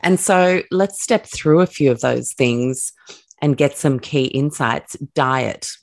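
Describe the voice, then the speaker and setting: Gravelly, very low-voiced woman host. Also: slow, a little mellow. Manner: reflective, candid, shares personal stories. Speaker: podcast host. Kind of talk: conversational interview.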